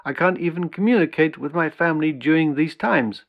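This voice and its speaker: A man voicing a tired, lonely older Dutch male psychic in a heavy put-on Dutch accent, with a gravelly voice. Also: a little high, fairly quick, muffled recording, pitched above the performer's own voice, natural voice. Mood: weary.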